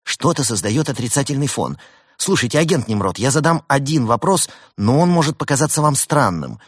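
Male narrator voicing a bright, eager young helpdesk man; raised voice, animated delivery, storybook. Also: medium pitch, brisk, breathy edge, no echo, studio quality, pitched above the performer's own voice. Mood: cheerful, eager. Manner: chirpy, eager, bright helpful phone manner. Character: young cheerful male tech-support worker. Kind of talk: audiobook character voice.

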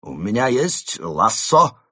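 A man's voice: fairly low pitch, big pitch swings, slow pace, sharp tone, husky, dry recording, studio quality, exaggerated voice. A man voicing a timid male raccoon archaeologist who sounds anxious and indignant.

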